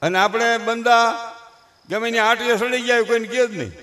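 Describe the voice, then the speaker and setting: A man's voice: extremely high pitch, fairly even intonation, a little fast, pushed and bright. An older man with a Kathiyawadi Gujarati accent, a folk comedian on stage before a live audience, mixing humorous stories with preachy moral advice in rustic dialect.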